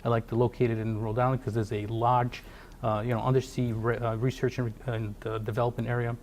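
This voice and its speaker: A man's voice: mid-range voice, level tone, quick pace, a little mellow, slight background noise. A middle-aged man from Portugal, a company founder, speaking in a TV business interview with many fillers and restarts. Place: TV studio.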